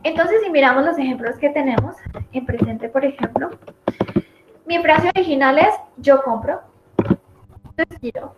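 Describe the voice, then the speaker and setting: A woman's voice: high voice, lively intonation, normal speed, long pauses. A woman teaching a French lesson in Spanish, explaining each example step by step and repeating it. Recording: echoey room, dull lo-fi audio, noisy.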